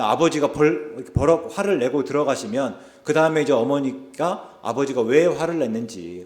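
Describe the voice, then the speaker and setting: A male pastor delivers a sermon in a church sanctuary, a little higher-pitched than most men. He works through scripture patiently and asks rhetorical questions, and his voice rings out through a roomy, echoing hall. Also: darkish tone.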